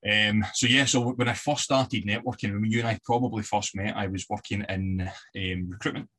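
A man's voice: on the low side, fairly even intonation, fairly quick, a bit bright, slightly rough. A Scottish man from the west of Scotland, a podcast guest chatting casually and telling stories with easy fillers. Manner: chatty storyteller with fillers and laughs. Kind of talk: casual interview chat.

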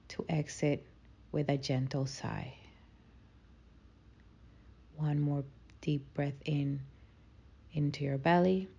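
A woman leading a guided meditation in a slow, soothing, calming manner. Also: deep voice, gravelly, muffled recording.

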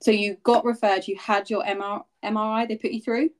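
A woman's voice: mid-range voice, flat delivery, fairly quick. A woman hosting a podcast interview, chatty and empathetic, thinking aloud as she goes. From England. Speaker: podcast host. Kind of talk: casual interview chat.

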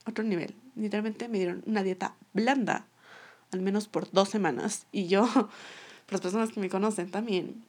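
A woman's voice: mid-range voice, steady tone, normal speed, darkish tone. A young woman telling a personal story to her viewers in a casual, chatty way, laughing often. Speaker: vlogger.

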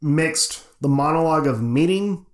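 A man's voice: on the high side, animated, moderate pace. A man co-hosting a casual movie chat, laid-back and agreeable, laughing often. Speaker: podcast co-host. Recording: echoey room.

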